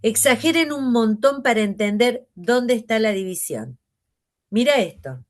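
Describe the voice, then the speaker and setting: A woman teacher with a Rioplatense Spanish accent, lecturing a class and leaning on pauses and stress to explain. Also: a little high, animated.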